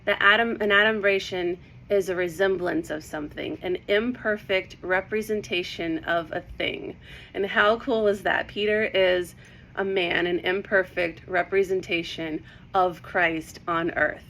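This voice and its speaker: A woman talks through Bible verses in a casual, eager way, a little out of breath from excitement. Her voice sits fairly low for a woman. A faint hiss of background noise runs under the recording. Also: unhurried. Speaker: Bible teacher. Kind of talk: casual devotional talk.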